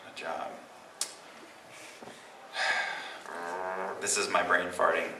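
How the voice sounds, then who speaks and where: A man's voice: sits low, flat delivery, extremely slow. A man answering fan questions at a convention panel in a chatty, self-deprecating, rambling way. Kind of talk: casual panel Q&A. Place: large convention hall, live audience. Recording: echoey convention hall, distant mic, faint hiss.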